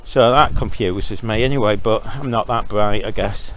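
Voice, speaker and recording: A man's voice: lowish voice, normal speed, a bit bright, a little hiss or hum. A Zambian-born man in his forties giving a rambling, sarcastic, opinionated monologue while walking outdoors past a stream. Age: 40s. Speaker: vlogger.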